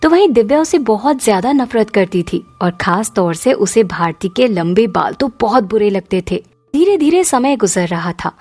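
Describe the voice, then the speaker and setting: A woman narrating a moral cartoon story in an even storytelling manner. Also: medium pitch, moderate pace.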